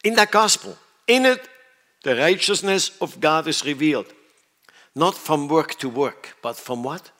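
A man's voice: on the high side, measured pace, pushed and bright. A man from Switzerland preaching a sermon, stressing his points and often asking the audience whether they understand. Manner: emphatic, questions the audience often.

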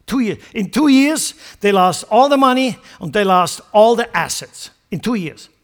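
High-voiced man preaching. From Switzerland. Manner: emphatic, swings between loud stressed phrases and quiet asides; joking, chuckles at his own remarks. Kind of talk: sermon.

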